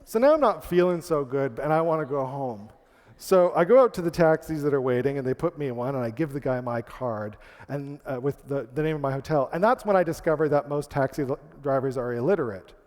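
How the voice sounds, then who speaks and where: A man's voice: mid-range voice, animated, a little fast, darkish tone. A man from Canada telling a comic, self-deprecating story on stage as a speaker. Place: large hall, on stage. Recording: long hall reverb.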